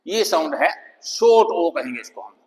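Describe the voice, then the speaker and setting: A man teaching a phonics lesson, speaking slowly and deliberately, reading English headings aloud. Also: on the high side, big pitch swings, darkish tone. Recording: long echoing reverb.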